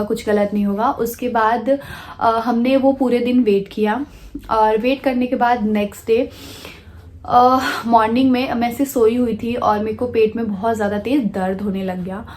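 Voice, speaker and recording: A woman vlogger telling a personal story in a soft, hesitant way, pausing often with fillers and restarts. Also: fairly high pitch. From India.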